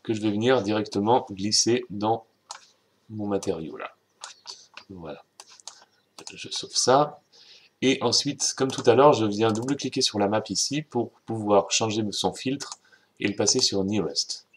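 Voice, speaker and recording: Brief: French male tutor, lowish voice, informal screen-recorded lesson, soft keyboard and mouse clicks behind. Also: measured pace, long pauses, slight background noise. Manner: informal, chatty, self-correcting, addresses viewers directly. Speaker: software tutorial instructor.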